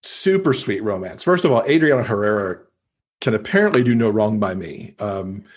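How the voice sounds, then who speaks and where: Speaking at a normal speed in a lowish, expressive voice, an American podcast guest shares his love of books. He recommends them with casual enthusiasm during the interview.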